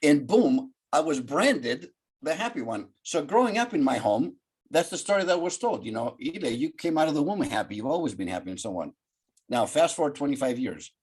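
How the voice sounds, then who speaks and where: An older man from Greece, a psychologist guest telling a story on a video call from his home office, in an animated, gesturing way. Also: a little high, fairly quick, breathy edge. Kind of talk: storytelling interview.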